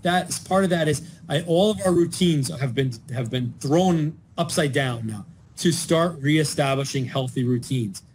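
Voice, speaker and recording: An earnest middle-aged man speaks as a counselor, giving practical advice in an informational video. His voice sits a little high for a man, and faint background noise is heard under his speech. He tells his examples with an animated storyteller's energy. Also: measured pace. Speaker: mental health and addiction counselor.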